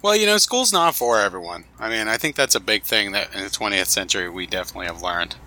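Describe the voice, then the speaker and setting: A man co-hosting a podcast, tossing out sarcastic jokes and casual swearing. His voice is low and very bright and sharp. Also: expressive, fast, no room sound. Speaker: podcast co-host.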